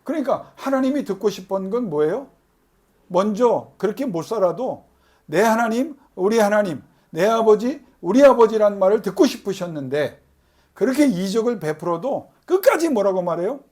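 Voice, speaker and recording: Male pastor, high pitched, preaching in a church service. Rhetorical questions, emphatic build on key lines. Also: animated, normal speed. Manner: asks rhetorical questions and answers them; emphatic, swelling louder on key phrases. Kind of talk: sermon.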